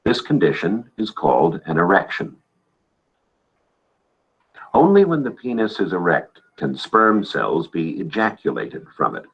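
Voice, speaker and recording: A man giving calm, matter-of-fact scripted narration for an educational film, heard on a dull lo-fi soundtrack. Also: sits low, husky.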